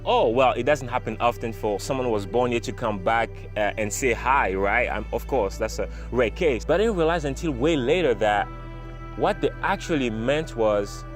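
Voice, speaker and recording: A man from the Congo giving an earnest, emphatic motivational talk to camera, repeating phrases for effect. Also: medium pitch. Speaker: motivational vlogger. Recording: music playing underneath.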